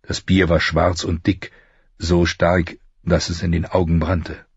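A man narrating a fantasy novel as an audiobook, in a measured storytelling manner. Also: low voice, level tone, vocal fry, breathy edge, no echo, highs cut off.

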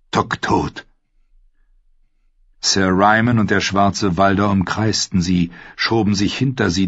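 A man narrating an audiobook in a measured, grave storytelling manner. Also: on the low side, breathy edge, dry recording, muffled recording. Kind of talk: scripted narration.

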